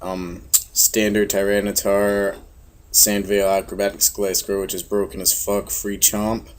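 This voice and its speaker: A young man from Florida with a monotone voice, giving laid-back, casual gameplay commentary full of fillers and offhand swearing. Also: fairly low pitch, measured pace. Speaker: game commentator.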